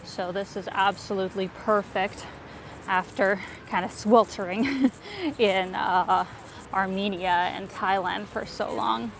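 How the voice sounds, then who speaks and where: This is a woman from North America hosting a relaxed walking livestream, phone in hand, as she moves through a city square and park, chatting with viewers between fillers and gentle laughs. She speaks slowly at a medium pitch with a gravelly texture. Some background noise comes through.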